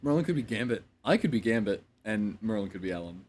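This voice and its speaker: A man chatting casually off to the side of a stream, relaxed and playfully teasing. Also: lowish voice, quick pace, slight background noise. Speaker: stream co-host. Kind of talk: casual chat.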